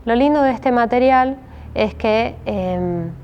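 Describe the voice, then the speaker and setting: A woman with a slightly high voice speaks slowly in a Rioplatense Spanish accent, patiently taking listeners through a craft step by step. She hesitates a lot and keeps checking in with "¿sí?". The audio is dull, with slight background noise.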